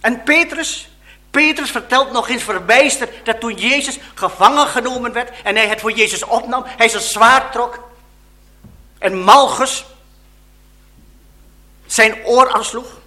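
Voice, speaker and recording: A man preaching a sermon, telling the story dramatically and expressively, with pauses and exclamations. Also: very high voice, sharp tone.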